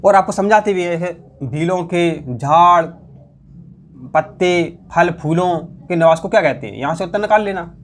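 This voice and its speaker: A man's voice: sits high, a little slow. A man teaching an exam-prep lesson, asking questions aloud and repeating the answers in a colloquial way. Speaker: quiz teacher.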